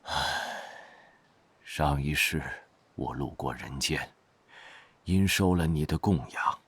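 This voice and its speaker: An ancient, reproachful mystic spirit speaks in an extremely low, husky voice. The delivery is solemn and archaic, full of weary gravity, in a close, dry audio drama recording. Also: male voice, fairly bright tone, no room sound, exaggerated voice. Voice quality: raspy, breathy bass. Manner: slow, sighing, archaic wording.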